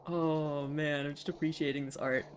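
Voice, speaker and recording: A woman's voice: low voice, steady tone, moderate pace, slight background noise. A woman game streamer chatting casually as she plays.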